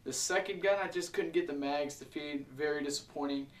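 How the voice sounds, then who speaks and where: A man with a slightly high voice hosts a casual vlog recap. He sounds distant from the mic in an echoey room, with faint music behind him. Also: fairly quick. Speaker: video host. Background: faint background music.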